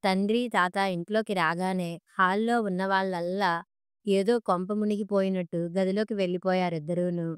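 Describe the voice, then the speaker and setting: A woman reading a family story aloud in a calm, measured storytelling manner. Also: medium pitch, clean tone, dry recording, studio quality. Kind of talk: scripted story narration.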